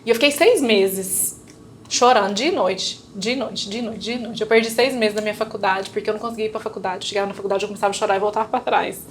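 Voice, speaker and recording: With slight background noise behind her, a woman with a Brazilian Portuguese accent talks fast in a mid-range voice as a guest sharing personal testimony in casual chat. She storytells by acting out remembered dialogue and often tacks on tag questions.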